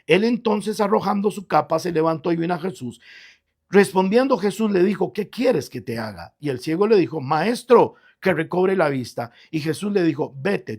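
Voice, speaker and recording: High raspy-voiced preaching pastor. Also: male voice, a little mellow. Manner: preaching with rising emphatic bursts. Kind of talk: radio sermon.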